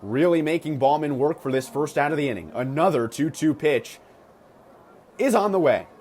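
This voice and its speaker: With a voice on the high side, slightly mellow and with lively intonation, an American man calls baseball on live radio at normal speed. His delivery combines clipped, punchy calls and stat-filled asides, over clear ballpark noise.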